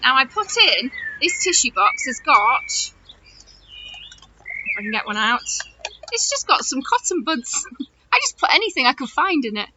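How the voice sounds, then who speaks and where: Speaking to young children at a moderate pace with frequent pauses, this high-voiced female presenter swoops through chatty questions while leading easy activities after a story. Her delivery is lively, full of exaggerated gasps and wonder, on a dull recording marred by loud noise and clicks.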